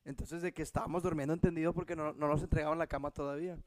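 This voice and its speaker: A young man with a Mexican Spanish accent tells a story to a friend in a light, high voice. He laughs often and swears without a second thought. The sound is dry and close, with no room echo. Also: steady tone, very fast, a little mellow. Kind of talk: casual storytelling chat.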